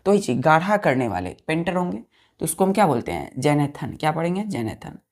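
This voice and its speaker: A woman's voice: deep voice, very animated, fast talker. A woman teaching English vocabulary to children, spelling each word letter by letter and repeating it, with quiz questions to the class. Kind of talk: slow repetitive classroom teaching.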